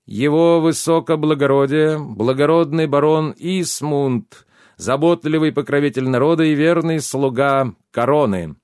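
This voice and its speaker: Ceremonious court herald, loud and slow, voiced by a man. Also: a little high, clean tone, no echo, clean studio sound, pitched above the performer's own voice, lightly acted. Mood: proclaiming. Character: solemn male court herald.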